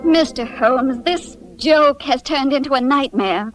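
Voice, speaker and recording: A woman's voice: high-pitched, measured pace, faint music behind. An actress playing a proud aristocratic English lady in a 1940s radio drama, with refined, formal speech. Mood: distressed.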